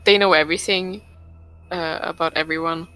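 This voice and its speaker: A woman's voice: sits low, fairly even intonation, moderate pace, sharp tone, soft background music, poor audio. A woman playing a tabletop role-playing game, casually talking through what her character says and does.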